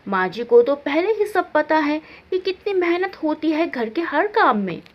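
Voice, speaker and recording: A woman's voice: sits high, very animated, a little slow, dull audio, pitched above the performer's own voice. Gaura, a woman doing a scheming neighbour aunt. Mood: stirring. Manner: nosy, stirring trouble with feigned concern.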